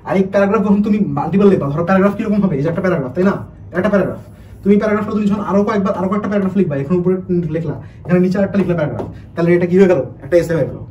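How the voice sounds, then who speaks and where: Fast-talking man teacher. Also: sits high, distant mic, muffled recording, a little hiss or hum. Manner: rapid, restarts often, asks the students rhetorical questions. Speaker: admission test English teacher. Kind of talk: online class lecture.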